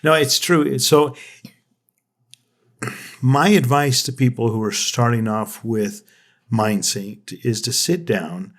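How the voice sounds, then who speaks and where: A man's voice: medium pitch, takes it slowly, long pauses, fairly bright tone. Guy hosting a podcast, kinda rambly and reflective, keeps restarting his sentences. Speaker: podcast host. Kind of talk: casual conversation.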